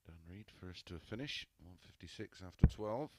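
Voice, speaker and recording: A man's voice: low voice, lively intonation, normal speed, heavy background noise. A man giving live darts commentary, describing play and players' statistics.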